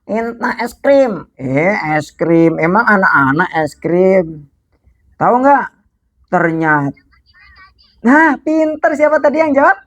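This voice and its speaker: Lively woman telling children a story. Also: medium pitch, muffled recording. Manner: lively, asks children questions, animal sounds.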